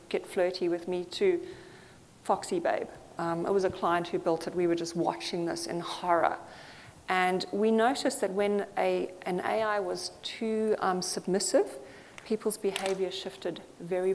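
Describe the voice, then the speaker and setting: A woman from Zambia gives an earnest, thoughtful conference talk in a medium-pitched, slightly mellow voice, using frequent fillers. The conference hall is reverberant, with faint noise.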